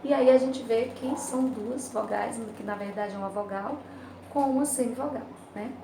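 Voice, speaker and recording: A Brazilian woman teacher giving a remote class from home, going through a grammar exercise patiently, checking in with the students and drawing syllables out slowly. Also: fairly high pitch. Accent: Brazilian Portuguese. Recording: roomy, distant home recording with loud background noise.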